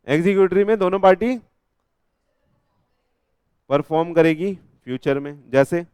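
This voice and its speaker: Man, Indian accent, law teacher, quizzing and teasing students, smooth clear voice, dry close sound. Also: high-pitched, unhurried, a little mellow, no room sound. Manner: mixes Hindi with English terms. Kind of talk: live classroom revision lecture.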